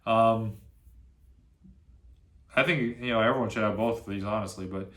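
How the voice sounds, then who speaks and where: A man's voice: lowish voice, normal speed, a bit bright, echoey room. A young man with a nasal voice reviewing guns in a casual, rambling way, full of fillers and restarts. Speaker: gun reviewer, channel host. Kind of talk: casual unscripted video review. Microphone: camera on a stand.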